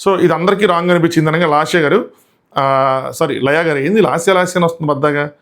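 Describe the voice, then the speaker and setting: A man's voice: fairly high pitch, fast, fairly bright tone. A man giving a casual spoken review of a TV show. He mixes in English phrases and acts out quotes from others.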